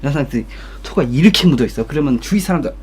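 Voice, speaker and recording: A man's voice: mid-range voice, expressive, fast, heavy background noise. A young man telling a story casually from his streaming room, blunt and swearing, acting out coworkers in raised voices. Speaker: streamer giving life advice.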